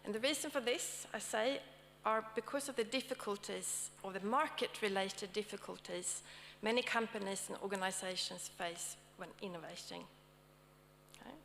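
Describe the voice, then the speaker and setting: This session moderator and academic speaker from Sweden has a mid-range, slightly bright voice with vocal fry and a Swedish accent. Opening the conference session, she keeps checking in with the audience between fillers. The hall recording carries long reverb and a faint hum.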